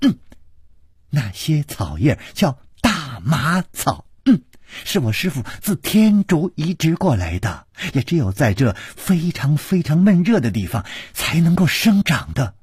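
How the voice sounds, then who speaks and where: A male storyteller voicing a jealous, boastful young woman in yellow who talks quickly and smugly. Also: sits high, steady tone, dry recording, studio quality, voice pushed up.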